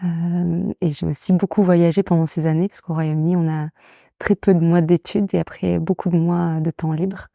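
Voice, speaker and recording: A woman's voice: fairly low pitch, little pitch movement, normal speed, vocal fry, warm tone, no echo, clean studio sound. A young woman from England who grew up in France, interviewed as director of an association, speaking hesitantly with many fillers. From England, raised in France. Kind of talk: casual interview.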